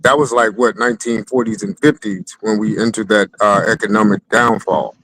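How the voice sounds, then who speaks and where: A man's voice: on the low side, fairly even intonation, normal speed, a bit bright, no room sound, low-quality recording. A man in a casual panel talk, earnest and stammering over his words.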